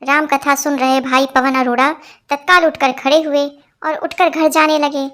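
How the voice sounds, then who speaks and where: A woman reading a string of short jokes aloud as scripted narration, giving every part in one even voice. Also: high voice, normal speed.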